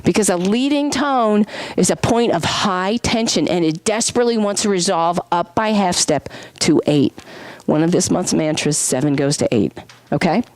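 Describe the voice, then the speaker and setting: A woman teaching a music class in a lively way, often questioning her students and singing examples. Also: on the low side, normal speed. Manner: lively, sings solfege and vocal sound effects to demonstrate; asks the class frequent questions. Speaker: music instructor. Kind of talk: classroom lecture.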